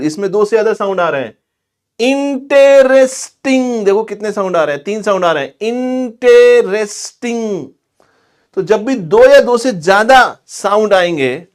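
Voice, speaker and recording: A man teaching English grammar in a chatty, scolding classroom lecture. He drags out example words slowly. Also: sits high. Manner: chatty and scolding, calls students "bhai" and "pagle".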